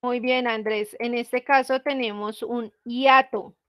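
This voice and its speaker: Slow, high-voiced woman teacher. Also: steady tone, fairly bright tone, smooth, no room sound, clean studio sound. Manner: patient, asks students questions. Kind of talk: online class explanation.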